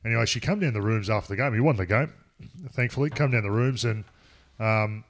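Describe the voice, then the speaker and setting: A man's voice: lowish voice, fairly quick. A middle-aged man with an Australian accent telling a rambling, crude story in casual chat. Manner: rambling, crude, laughs at himself.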